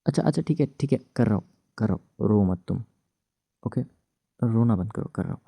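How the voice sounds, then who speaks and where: A man voicing a young husband married to his ex, gruff but tender, in a hushed, soothing, teasing whispered role-play. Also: on the low side, expressive, brisk, no room sound, full character voice.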